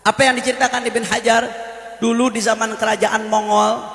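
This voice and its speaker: High-pitched, gravelly fiery preacher. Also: male voice, level tone, brisk. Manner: impassioned, shouting, repeatedly addressing the crowd as brothers. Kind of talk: fiery sermon. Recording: echoey hall with long reverb.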